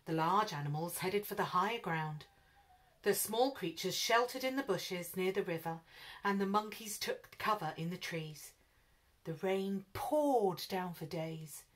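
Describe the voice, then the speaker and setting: A woman storyteller reading a children's picture book aloud in an expressive, lively way. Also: mid-range voice.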